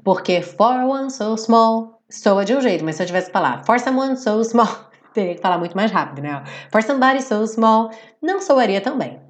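Woman, English teacher, live online lesson, lively animated pitch, patient explanations, frequent check-ins with viewers. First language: Portuguese. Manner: explanatory, checks in with "certo?" and "tá bem?"; reads English lyrics slowly and deliberately. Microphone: computer setup with phone beside.

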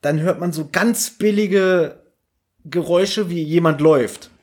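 A man chatting casually on a podcast, reviewing an audio drama, animated and laughing often. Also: a little high, a little slow. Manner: animated, laughs often, quotes lines in put-on voices. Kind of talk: casual chat.

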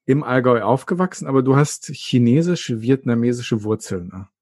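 A man hosting a podcast, asking a long question in a halting way with repeated words. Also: mid-range voice, animated, darkish tone, breathy edge, dry recording, studio quality. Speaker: podcast host, interviewer. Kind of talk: interview question.

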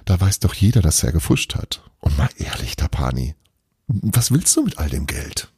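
A man's voice: rumbling low, big pitch swings, normal speed, darkish tone, husky, dry recording, clean studio sound, full character voice. A man voicing a witch's daughter who patiently sets others straight in a storybook reading. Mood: chiding. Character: young female witch's daughter, bossy and explaining.

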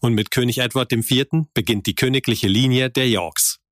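Male story narrator, medium pitch. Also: fairly quick, fairly bright tone, no echo, studio quality. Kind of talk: scripted historical story narration.

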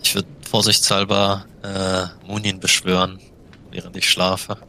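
A man with a fairly low, bright voice takes part in a casual tabletop role-play as a player. Background noise is audible. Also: completely flat delivery, measured pace, vocal fry, low-quality recording.

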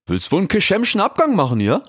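A brash young male animal with street slang, voiced by a man narrating a storybook. He talks loud and fast in a high, cocky voice, ending lines with slangy tags. The pitch bounces a lot, and the recording is dry and close. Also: wildly swooping pitch, slightly rough, no room sound, full character voice. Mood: cheerful. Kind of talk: audiobook character voice.

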